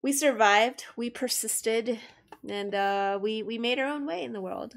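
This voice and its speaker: This young adult woman has a fairly high voice and a measured pace. She chats frankly and casually while streaming herself drawing, swearing freely and laughing often.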